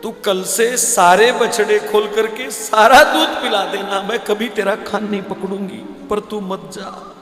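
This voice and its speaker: A man's voice: sits high, fairly even intonation, a little slow, few pauses, a bit bright, soft background music. Man voicing a pleading village milkmaid. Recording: echoey hall.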